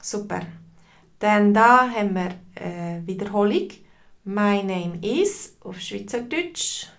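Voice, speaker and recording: Swiss german lady teaching online, slow and patient, keeps repeating numbers. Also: mid-range voice, lively intonation, gravelly. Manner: patient, repeats slowly and greets chat viewers. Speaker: language teacher. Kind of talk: live online language lesson.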